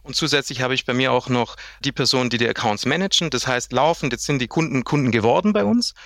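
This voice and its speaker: German guy in his 30s, bright voice, super dry sound, chatty, acts out client quotes. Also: mid-range voice, fast, no echo. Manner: lively, explains at length with acted-out client quotes. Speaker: guest, sales director. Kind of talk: casual interview chat.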